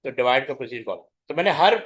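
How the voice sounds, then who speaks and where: A man's voice: mid-range voice, lively intonation, fast, a bit bright. A middle-aged male teacher giving a classroom lecture, explaining step by step, mixing in English terms and checking that his students follow. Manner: mixes English terms into Hindi speech. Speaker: computer science teacher.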